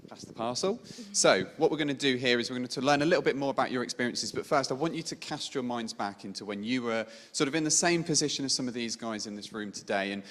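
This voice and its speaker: A man hosts a student panel in a casual, chatty way, at a middling pitch. His voice carries a long echo in a large hall. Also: fairly bright tone. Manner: casual, friendly, with fillers. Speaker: panel host.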